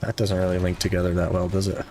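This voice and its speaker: Fast and deep, this man's voice carries slight background noise as he plays a game live. He chats casually with viewers in a relaxed way, using "like" constantly.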